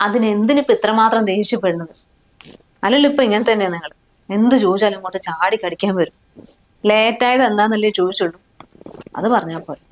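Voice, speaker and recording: A woman's voice: medium pitch, quick pace, long pauses, close to an everyday voice. An actress playing a young wife and mother who pleads with her husband in a family short film. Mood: pleading.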